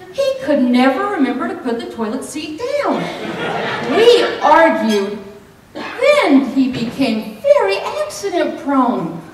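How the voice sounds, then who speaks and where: A middle-aged woman with a high voice, competing in a speech contest, performs a comedic tall tale on stage with theatrical, deliberate delivery and dramatic pauses. It was recorded indoors in a hotel banquet room on a far camera microphone, so the sound is echoey, distant, and somewhat noisy.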